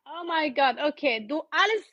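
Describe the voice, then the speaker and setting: A woman from Ethiopia on a video call, speaking halting broken German and repeating words. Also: high-pitched, expressive, sharp tone. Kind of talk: casual video-call chat. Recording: dull lo-fi video-call audio.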